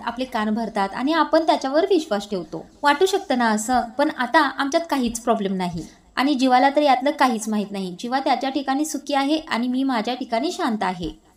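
A woman's voice: high-pitched, expressive, brisk. A woman reading as a firm, protective young woman. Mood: calm. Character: young woman shielding her sister, firm.

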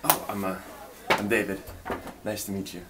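A man in his twenties playing a shy, awkwardly flirting guy in a role-play, halting as he nervously laughs off his awkwardness. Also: on the low side, flat delivery, close to an everyday voice. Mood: shy, hesitant. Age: 20s. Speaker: solo role-play performer. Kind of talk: spoken role-play to the listener, casual small talk. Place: indoor room at home. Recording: distant mic, clearly noisy room.

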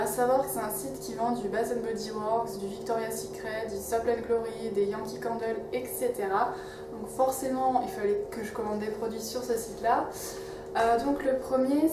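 Chatty young woman in an echoey room. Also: a little high. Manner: chatty, many fillers and restarts. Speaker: beauty vlogger. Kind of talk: casual chat to camera. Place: home office and living room. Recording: echoey room, mic a bit far, faint hiss.

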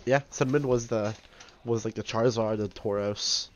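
A man chatting with a friend while they both play, asking quick questions with many restarts. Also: fairly low pitch, fairly even intonation, lo-fi sound. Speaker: co-player friend. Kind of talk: casual gameplay chat.

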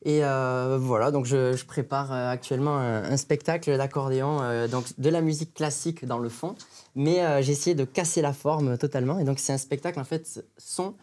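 Male musician guest, mid-pitched, eager and explanatory, casual chat. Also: fairly even intonation, normal speed, darkish tone. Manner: eager, explanatory, many fillers. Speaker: accordionist guest.

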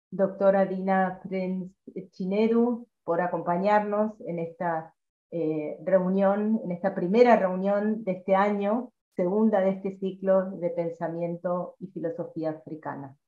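A woman's voice: medium pitch, steady tone, normal speed. A woman moderating a seminar, giving formal opening remarks with frequent hesitations and restarts over a video call. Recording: echoey, tinny video-call audio.

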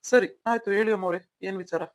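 A performer plays a young husband in a home-made audio drama, devoted but quick to flare up. He coaxes and asks over and over, then snaps. Dry, close sound with no room. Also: mid-range voice, fairly even intonation, dry recording, lightly acted. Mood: pleading. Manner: coaxing, repeats questioning "hmm?". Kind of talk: amateur Kannada audio drama.

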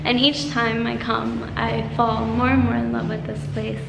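Walking along a dirt road on a rural hillside, a young woman narrates a casual vlog into a handheld camera. Her voice is fairly high, gravelly and level, at a moderate pace, and the audio is very noisy. She chats, laughs a lot, and is slightly winded.

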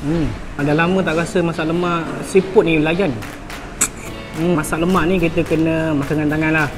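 A man's voice: on the high side, little pitch movement, moderate pace. A man reviews food at a roadside stall. He talks through a face mask in a chatty way and repeats his order back as he places it. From Johor, Malaysia. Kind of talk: casual food vlog. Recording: background music under the voice. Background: music.

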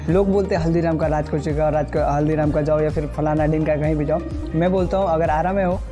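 In a casual restaurant food review, a young man with a Bihari Hindi lilt chats eagerly about the dishes, packing his talk with fillers. He speaks fast in a slightly high voice with fairly even intonation. Background music is clearly audible.

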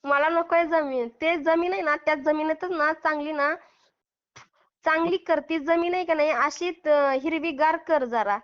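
This high-voiced woman from Maharashtra, India, takes her time as she scolds and taunts someone on the phone in a heated, confrontational argument. She's a prank caller who shares her call recordings, captured here in dull, lo-fi phone quality.

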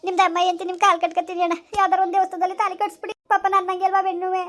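A woman's voice: very high voice, flat delivery, rapid-fire, a bit bright. A woman playing a poor widowed village mother who pleads humbly and tearfully in a village comedy skit. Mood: lamenting.

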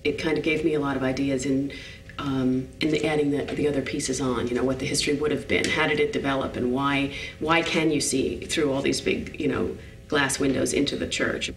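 A woman in her forties gives a behind-the-scenes interview on an indoor studio set, describing it at an unhurried, searching pace. Her voice sits a little back from the mic. The large interior adds a roomy echo around her. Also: a bass voice, steady tone, recorded from a distance, slight background noise. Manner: thoughtful, descriptive, pauses to find words. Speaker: set designer.

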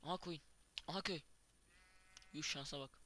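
A young man giving casual, excitable commentary while playing a block-building game, thinking aloud and exclaiming at each thing he finds. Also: a little high, normal speed. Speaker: gaming YouTuber. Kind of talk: casual Minecraft let's play commentary.

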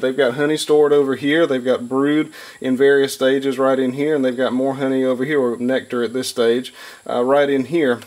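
A man in his thirties giving a relaxed, hands-on beekeeping lesson in a wood-paneled workshop, talking plainly with frequent fillers. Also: mid-range voice. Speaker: beekeeper and channel host. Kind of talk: hands-on instructional talk.

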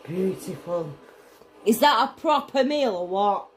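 Woman, Northern English, tipsy and giggly, slow casual kitchen chatter with blunt exclamations. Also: mid-range voice, lively intonation. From northern England. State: tipsy from drink. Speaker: home cook vlogger. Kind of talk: casual cooking chat. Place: indoors in a home kitchen.

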